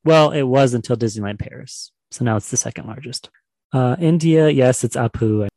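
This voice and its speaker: A gravelly-voiced man hosts a casual podcast quiz, chatty and enthusiastic as he talks. His voice is close and dry, with no room around it, and he laughs easily between answers. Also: mid-range voice, moderate pace, darkish tone, dry recording. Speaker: podcast co-host running a quiz. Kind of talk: casual chat.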